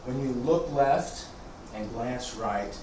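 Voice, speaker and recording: A man leading tai chi practice as instructor, calling serene, sparse movement cues in calm, measured short phrases. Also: mid-range voice. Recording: echoey room, distant mic, background noise.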